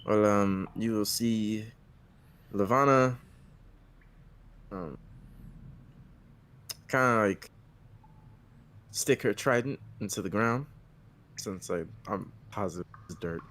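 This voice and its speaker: A man's voice: lowish voice, slow, pauses often, a bit bright. A man playing a tabletop game, chatting casually in a slangy, informal way. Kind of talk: casual chat during play.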